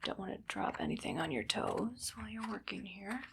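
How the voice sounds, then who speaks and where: A woman takes the role of a bad-tempered, menacing evil scientist for an ASMR roleplay, briskly whispering bossy instructions and deadpan threats in a breathy, creaky voice of medium pitch. She sounds bossy and suspicious.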